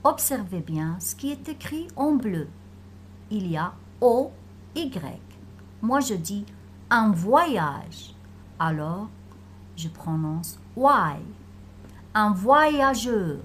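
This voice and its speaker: A woman teacher giving a phonics lesson to children, pronouncing each word slowly and carefully and repeating it for the class. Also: mid-range voice, animated, a little hiss or hum. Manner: slow, carefully articulated, repeating words for pupils.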